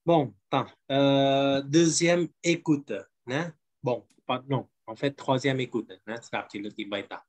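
A man's voice: mid-range voice, fairly even intonation, unhurried, a little mellow. A man teaching a class, giving casual instructions and switching between languages.

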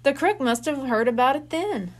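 A woman's voice: high voice, animated, moderate pace, voice pushed up. A woman reading as a worried older boy. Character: friendly older boy babysitting siblings.

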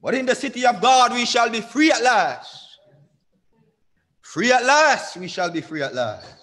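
A man's voice: extremely high pitch, expressive, bright, forceful tone. Young man preaching with call-and-response. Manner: call-and-response preaching, drawn-out emphatic lines, asks the congregation. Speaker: church elder preaching. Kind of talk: sermon. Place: small church sanctuary at a pulpit. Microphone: pulpit microphone on a stand.

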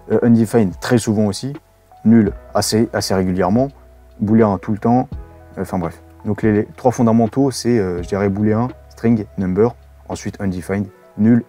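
A man talks through a coding tutorial in a relaxed, rambling way, often pausing on fillers and correcting himself. His voice sits low and mellow. Soft music plays faintly underneath. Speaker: web development instructor. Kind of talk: casual screen-recorded coding tutorial.

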